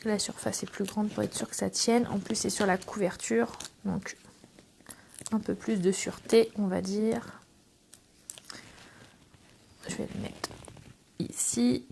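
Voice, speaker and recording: Slow and creaky, with long pauses, this middle-aged woman from France speaks in a medium-pitched, darkish voice with a steady tone over slight background noise. As a craft demonstrator and channel host, she leads a casual scrapbooking tutorial, talking warmly and chattily to her viewers as she works.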